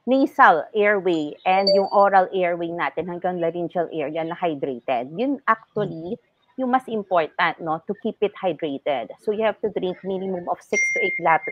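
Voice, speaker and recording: A woman's voice: fairly low pitch, lively intonation, moderate pace, dull audio, a little hiss or hum. A woman ENT doctor, a guest on a health talk show, explaining things patiently in a mix of English and Tagalog.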